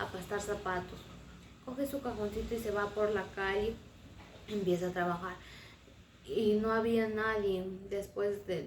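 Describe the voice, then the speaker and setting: A woman teacher retelling a story for children in simple, slow words with small restarts. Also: medium pitch, a little mellow, a little hiss or hum. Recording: roomy and distant.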